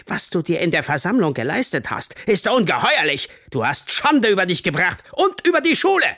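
A man's voice: sing-song, moderate pace, a bit bright, dry recording, studio quality. A man reading an audiobook, voicing a pompous, bullying male teacher who bellows his lines. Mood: ranting. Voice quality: shrill bellowing.

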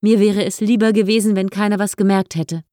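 A woman's voice: mid-range voice, fairly even intonation, fairly quick, mellow, no echo, clean studio sound, pitched above the performer's own voice, natural voice. A woman voicing a vain young woman who is sobbing and dismayed, in an audiobook. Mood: upset.

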